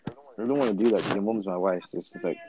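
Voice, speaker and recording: In a noisy setting, a young man with a London roadman accent talks rapid-fire in a lowish voice during a casual group chat. His speech is full of urban slang, and he keeps repeating his phrases.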